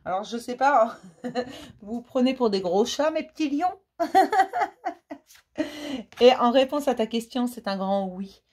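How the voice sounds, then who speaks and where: High-voiced woman doing a casual tarot reading, chatty and giggly, calls everyone darling. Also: lively intonation, takes it slowly, long pauses. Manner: warm, chatty, laughs often, addresses viewers as darlings. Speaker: tarot reader. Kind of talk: casual horoscope card reading.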